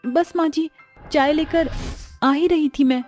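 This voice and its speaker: A woman's voice: high voice, a little slow, darkish tone, faint music behind, voice pushed up. A woman voicing a timid young newly married bride who pleads with her mother-in-law. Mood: pleading. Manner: pleading, tearful.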